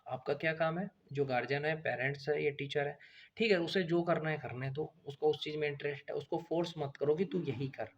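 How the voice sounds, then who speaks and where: A man's voice: a little high, steady tone, fairly quick, dull audio, slight background noise. A man giving earnest, preachy advice in a monologue and repeating phrases for emphasis. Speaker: motivational video speaker.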